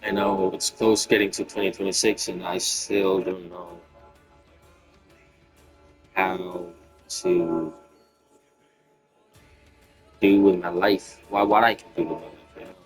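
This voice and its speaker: A young man in his twenties with a lowish voice, musing aloud in a loose, unscripted monologue. He rambles and stops to restart his thoughts, padding them with plenty of fillers. Music plays clearly behind him. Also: little pitch movement, slow, pauses often, rough recording. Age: 20s. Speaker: gaming video creator. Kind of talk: casual reflective monologue.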